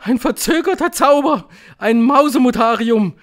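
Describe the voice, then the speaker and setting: A man voicing an excited crowd of female witches, shrieking and flattering for an audiobook. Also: very high-pitched, moderate pace, voice pushed up. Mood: cheering. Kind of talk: audiobook reading.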